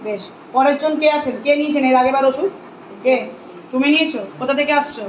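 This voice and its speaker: A high-voiced woman talks quickly and insistently, scolding and preaching to a crowd. Her voice rings in an echoey room, with dull sound and steady background noise. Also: far from the mic. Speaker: spiritual volunteer handing out free remedies. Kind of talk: addressing a gathering, questioning attendees.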